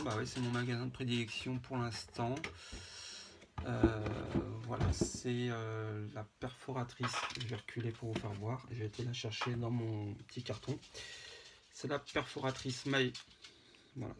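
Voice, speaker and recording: Creaky-voiced man, chatty and halting. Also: medium pitch, very noisy. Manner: hesitant, many fillers, chatty asides to viewers. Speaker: scrapbooking vlogger. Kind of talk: casual show-and-tell.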